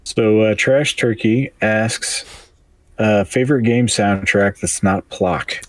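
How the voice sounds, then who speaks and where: Male podcast co-host, low-voiced, laid-back, dry close mic. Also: slow, no room sound. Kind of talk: casual podcast chat.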